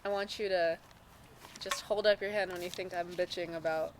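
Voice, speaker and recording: A woman's voice: on the low side, fairly even intonation, normal speed, noisy background. A teenage girl co-hosting a casual chat, bantering and giggling. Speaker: co-host.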